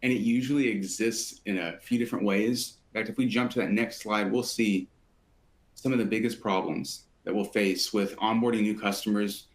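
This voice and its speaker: A man with a somewhat low voice hosts a live webinar. He talks in long, steady, well-practiced stretches. He sounds like a salesperson who knows his material. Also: normal speed. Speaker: webinar host from sales team.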